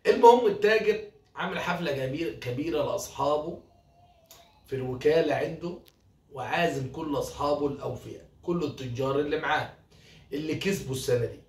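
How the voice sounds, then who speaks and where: A man with an Egyptian accent casually telling a folk tale, lively and animated, slipping into voices for the characters. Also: on the high side, quick pace. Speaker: storyteller. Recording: roomy, from a distance.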